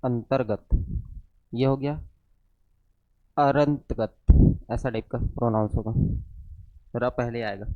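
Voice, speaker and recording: A man's voice: mid-range voice, steady tone, a little fast, long pauses, no room sound. A man teaching a grammar lesson to a class, checking spellings with short questions and answers. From central India. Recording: dull lo-fi classroom recording.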